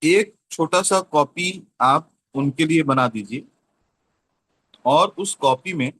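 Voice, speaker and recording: A man explaining a teaching method in an online class, slowly repeating example words. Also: on the high side, fairly bright tone. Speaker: teacher training trainer.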